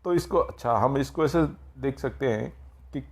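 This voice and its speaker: A man's voice: mid-range voice, moderate pace, breathy edge. A man teaching a grammar lesson, explaining patiently step by step and checking in with his students often. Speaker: Sanskrit teacher.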